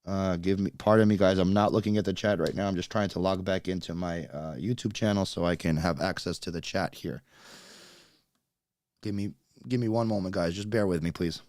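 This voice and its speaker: Chatty and talking straight to his audience, a YouTube livestream host in his late thirties works through technical glitches. Born in Russia and a native Russian speaker, he has a slight accent and a low-pitched, darkish voice, captured dry with clean studio sound.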